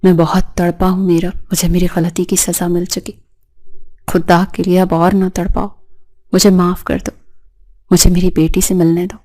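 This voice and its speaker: Broken, pleading husband, read by a woman, choked tone, flat delivery. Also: fairly low pitch, natural voice. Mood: pleading remorse. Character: remorseful grown man, pleading husband and father.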